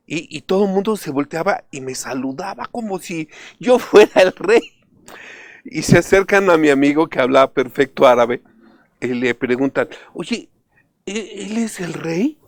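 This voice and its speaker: A man from Mexico, preaching a sermon in an earnest storytelling way, often lifting his pitch to stress a point. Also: dry recording. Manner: earnest, storytelling, pitch rises for emphasis, frequent fillers. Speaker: pastor.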